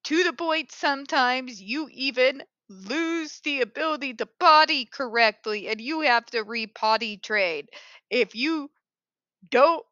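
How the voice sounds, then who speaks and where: Hosting an advocacy commentary show, this woman mixes a polished call-center phone voice with blunt, sarcastic emphasis. She's high-pitched, expressive, pushed, and bright at a measured pace, in a dry, dull-sounding recording.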